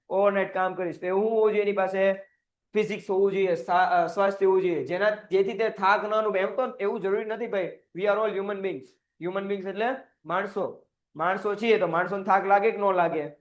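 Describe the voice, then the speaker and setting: High-voiced man teaching a class. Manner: asks constant rhetorical questions, acts out little quoted scenes; mixes English words into his talk. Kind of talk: recorded classroom lecture. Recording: dull lo-fi audio.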